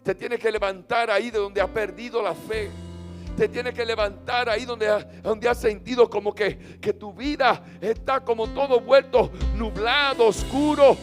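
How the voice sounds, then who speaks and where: Man, pastor, fervent sermon, call-and-response, high voice, church, faint music behind. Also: steady tone, moderate pace. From Dominican Republic. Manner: fervent call-and-response preaching, swinging from loud chanted lines to soft low ones. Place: church sanctuary. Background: faint instrument music.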